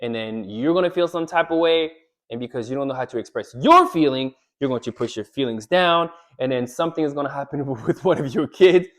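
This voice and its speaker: A man giving relationship advice straight to the camera, animated, often checking in with "right?" and acting out what a wife might say. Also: medium pitch, fairly quick. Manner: animated, repeats "right?", acts out quoted lines. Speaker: relationship coach. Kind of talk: direct-to-camera advice talk.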